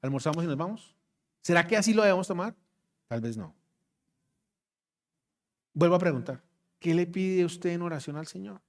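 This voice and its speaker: A man's voice: high voice, animated, normal speed, pauses often. A man preaching a sermon, emphatic, repeating his phrases and putting questions straight to the congregation.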